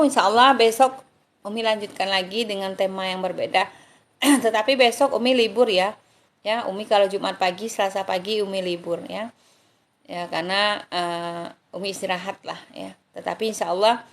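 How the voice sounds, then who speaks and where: An Indonesian woman preacher giving a live religious talk, answering viewers' questions, thanking them by name and calling them darling, and now and then reciting Arabic prayers in a chanting tone. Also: mid-range voice.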